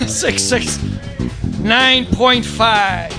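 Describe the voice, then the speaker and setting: A man's voice: sits high, expressive, very slow, gravelly. A man emceeing a live open mic contest, playful and hyped as he works the crowd. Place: live venue with a band. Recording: loud guitar music behind the voice.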